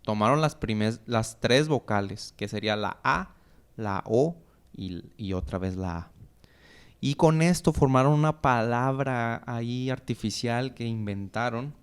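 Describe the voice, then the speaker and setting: A man with a Mexican Spanish accent and a smooth, resonant voice teaches on a church podcast. He explains patiently and in a friendly way, checking in with his listeners through frequent tag questions. His pitch sits in a middle range for a man. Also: a little slow. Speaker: podcast co-host teaching Bible. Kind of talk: casual Bible teaching chat.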